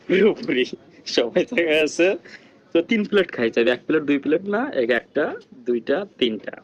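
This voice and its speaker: A man with a rural Bangladeshi Bengali accent talks to his viewers in a hushed, lowered voice. He keeps up casual vlog commentary at a village home, and his pitch sits a bit high for a man. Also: lively intonation, fairly quick, husky, muffled recording. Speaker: vlogger host. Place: village house outdoors.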